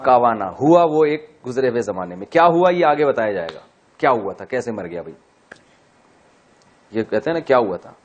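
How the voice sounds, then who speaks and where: A man teaching Quran grammar in a class, explaining step by step, asking and answering his own questions, and chanting verses slowly. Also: mid-range voice, sing-song. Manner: chanted slow Arabic verse recitation. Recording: dull lo-fi recording.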